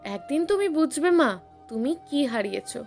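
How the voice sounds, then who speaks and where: A woman's voice: high-pitched, sing-song, moderate pace, darkish tone, faint music behind, pitched above the performer's own voice. A woman voicing a young husband and father who confronts his mother in a firm, pained way.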